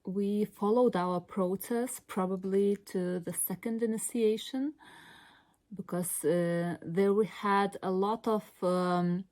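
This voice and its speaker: A woman from Lithuania with a Lithuanian accent, talking unscripted to viewers as a vlog host, hesitant and often pausing to search for words. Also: medium pitch, steady tone, darkish tone. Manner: hesitant, halting, with long searching pauses. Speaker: video host. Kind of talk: unscripted explanatory vlog talk.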